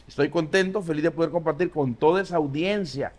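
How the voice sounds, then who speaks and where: A man speaks as a pastor being interviewed, his voice sitting a little high for a man. He tells his story reflectively, pausing often and filling gaps with soft hesitations. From Honduras. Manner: reflective storytelling, many pauses and "eh" fillers. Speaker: pastor, guest. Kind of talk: casual interview.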